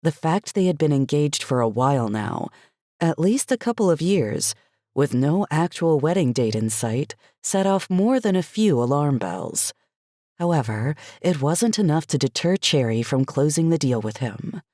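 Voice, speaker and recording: A woman reading a first-person cozy mystery audiobook as an expressive, light storytelling narrator. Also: low voice, moderate pace, no room sound, studio quality.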